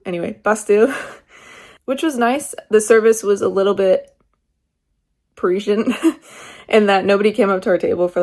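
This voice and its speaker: A woman's voice: medium pitch, vocal fry, darkish tone. A young woman vlogging on her phone, chatting casually and rambling about her trip. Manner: chatty, rambling, laughs now and then. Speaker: travel vlogger. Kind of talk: casual vlog narration. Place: indoors, small rented room. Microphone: phone camera.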